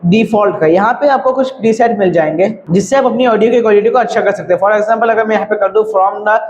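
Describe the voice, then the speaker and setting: Casual male tutor, high voice, muffled home recording with light hiss. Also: quick pace. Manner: chatty, repeats "thik hai" and "bhai". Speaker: video editing tutor.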